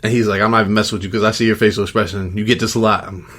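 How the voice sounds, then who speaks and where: A man's voice: fairly low pitch, fairly even intonation, very fast, a bit bright. Laughing man telling stories, faint noise. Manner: laughs often, acts out quoted voices in his stories. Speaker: podcast co-host. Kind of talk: casual chat, animated storytelling.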